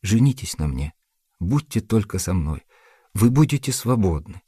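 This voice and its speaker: A man's voice: fairly low pitch, big pitch swings, moderate pace, warm tone, husky, no echo, clean studio sound. A man doing a frantic jilted young woman. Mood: begging. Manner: threatening, then tearful and pleading.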